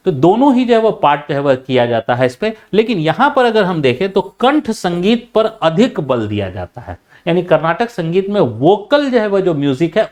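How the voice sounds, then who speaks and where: A man giving an explanatory lecture on music, full of filler phrases and restarts, and at times he shows loud and soft speaking as he talks. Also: on the high side. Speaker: teacher.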